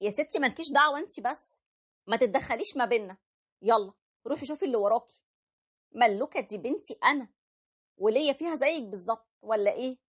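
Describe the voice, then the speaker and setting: Woman doing a sweet egyptian young wife, bit high, fast talker, playful, animated story. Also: breathy edge. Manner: playful and pleading.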